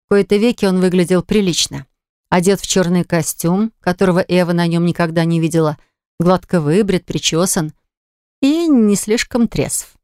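A woman reading an audiobook in measured scripted narration on a close studio mic. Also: on the low side, a little mellow, smooth, dry recording.

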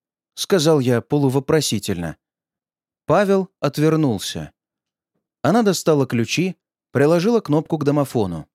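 A man's voice: a little high, moderate pace, pauses often, no echo, clean studio sound. Man reading a story very expressively. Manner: lively expressive reading, agitated in dialogue. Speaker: narrator. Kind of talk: audiobook narration.

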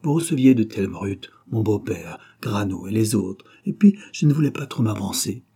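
A man reading aloud who voices a bitter, ambitious young provincial man with a sharp, sneering edge, raised higher and louder than his narration. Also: very animated, normal speed, vocal fry, husky, exaggerated voice. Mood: petulant, scornful.

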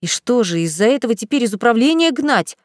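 A woman's voice: fairly high pitch, moderate pace, darkish tone, dry recording, studio quality, close to an everyday voice. A woman voicing a bold, meddlesome young woman who teases in a drawl, in a storybook reading. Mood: excited. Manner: teasing, drawling.

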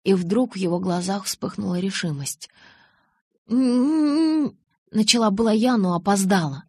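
A woman narrating an audiobook in an expressive storytelling manner, close to the mic. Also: medium pitch, a little fast, husky, no echo.

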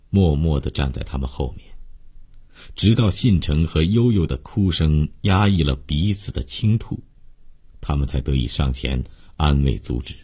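A man narrating a novel in a steady, measured, sentimental reading voice. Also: extremely low pitch, breathy edge. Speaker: audiobook narrator.

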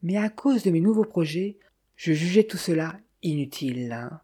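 Brief: female audiobook narrator, mellow and husky, steady measured reading. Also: fairly low pitch.

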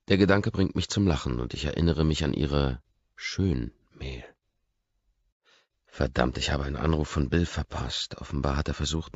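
A man's voice: rumbling low, no room sound. A man narrating a first-person audiobook in a brooding, intense inner-monologue manner, in a dull lo-fi recording.

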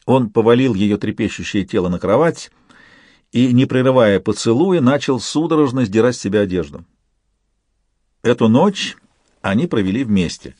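A man reading a novel aloud in steady, measured scripted narration. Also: medium pitch, no echo, clean studio sound. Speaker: audiobook reader.

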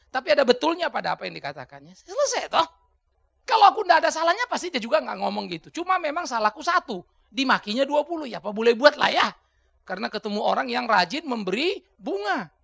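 Man, pastor, sermon, high bright voice, dry close sound, colloquial with sudden loud bursts. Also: creaky, no echo. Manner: colloquial, swinging from hushed asides to loud outbursts.

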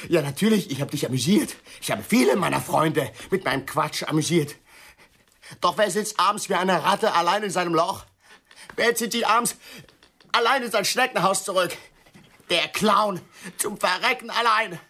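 A woman's voice: fairly low pitch, normal speed, fairly bright tone. An actress playing an overwrought, self-pitying woman who sees herself as the clown among her friends, ranting theatrically in a radio drama.

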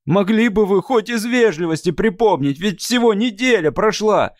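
A man's voice: high voice, lively intonation, normal speed, no echo, pitched above the performer's own voice. A man voicing an indignant male film studio owner who speaks fiercely in an audiobook.

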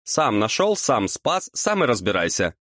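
A man playing a grumpy devil, shrill high voice, exasperated outbursts. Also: sing-song, unhurried, a bit bright, no echo, studio quality. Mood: curt. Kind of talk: audiobook character voice.

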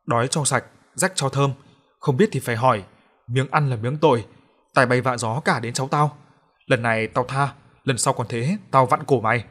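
A man's voice: mid-range voice, normal speed, a bit bright, lightly acted. A man reading the ghost of an old father in a storybook tale, stern and scolding in a middling voice. he sounds harsh and grave, threatening his son.

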